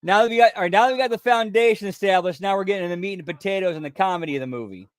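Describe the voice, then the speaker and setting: A man's voice: high voice, rapid-fire, clean tone, no echo, studio quality. A man commenting casually on a film as a reaction host, in informal, slangy speech. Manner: informal, slangy, often says dude and pal.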